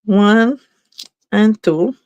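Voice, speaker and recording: Very slow and a little mellow, a mid-range female voice with slight congestion talks casually through a live card-making demonstration. She narrates her thoughts as she crafts.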